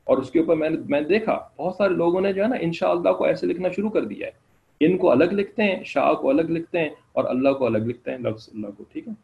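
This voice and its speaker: A man's voice: fairly high pitch, lively intonation, gravelly. A man teaching a class, explaining step by step, often checking whether students follow and putting questions to them. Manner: explains patiently, keeps checking "okay?". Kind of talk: classroom lecture. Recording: dull lo-fi recording.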